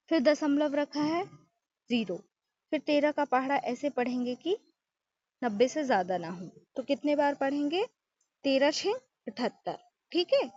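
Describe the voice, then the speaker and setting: A woman's voice: sits high, a little mellow, no echo. A woman teaching maths in a classroom style. She works through long division step by step, keeps asking questions and answering them herself, and says "okay" again and again. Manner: asks students questions and answers them herself, repeats "ठीक है" often. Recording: dry, dull lo-fi recording.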